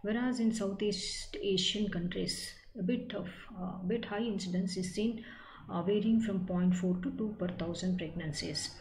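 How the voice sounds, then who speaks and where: A middle-aged woman teaches as a medical lecturer, setting out each point phrase by phrase. Her pitch is average for a woman. The recording is roomy and echoing, with clear noise behind her voice. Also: moderate pace, darkish tone. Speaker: medical professor giving a lecture. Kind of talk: online slide lecture. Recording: echoey room with clear background noise.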